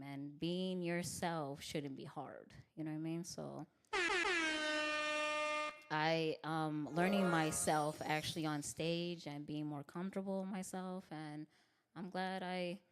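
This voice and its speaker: Speaking slowly and steadily over music, a young woman comic from Tucson, Arizona, talks openly as a podcast guest. She has a deep voice with bass, laughs a lot, and leans on fillers such as "like" and "you know what I mean" throughout the casual conversation.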